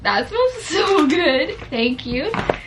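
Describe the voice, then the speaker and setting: A teary young woman of nineteen gushes through an unboxing vlog, her voice high and bright. She sits a bit back from the mic, and a loud hiss of noise runs under everything she says. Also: sing-song, slow, distant mic. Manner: gushing, tearful, says "like" and "literally" often. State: teary, on the verge of crying. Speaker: vlogger.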